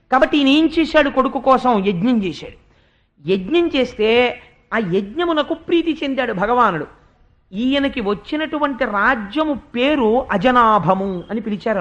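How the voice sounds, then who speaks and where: A man's voice: very high voice, fairly bright tone. An older man with a Telugu accent, giving a religious discourse on scripture, telling stories and acting out dialogue with rhetorical questions. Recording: dull lo-fi lecture recording.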